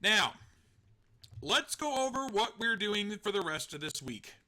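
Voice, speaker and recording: Hosting his live stream, the man talks in a high-pitched, sharp voice that is very animated yet unhurried. He rambles casually, pokes fun at himself, and often laughs, with some swearing mixed in.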